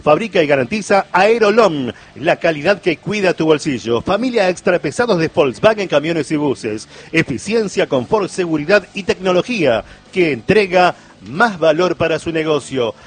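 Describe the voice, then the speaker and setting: A man reads a run of radio commercials in an upbeat, salesy voice. His tone is husky and slightly high, with lively swings in pitch. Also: moderate pace. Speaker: commercial announcer. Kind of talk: radio advertisement read.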